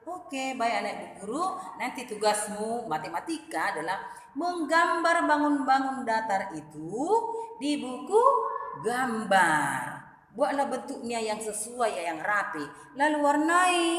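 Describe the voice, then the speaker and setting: Lively woman teacher in echoey room. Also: on the high side. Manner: sing-song teacherly address to children, lively and drawn-out. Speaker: primary school teacher. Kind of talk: recorded online class lesson. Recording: echoey room with long reverb.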